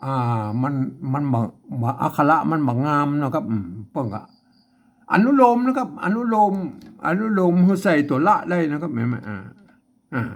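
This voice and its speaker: A man with a Northern Thai accent teaching a script lesson, full of "ah" fillers, asking "see?" and repeating words slowly to show how they sound. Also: a little high. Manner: many "ah" fillers and "see?" to the listener. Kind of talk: explaining Lanna script spellings.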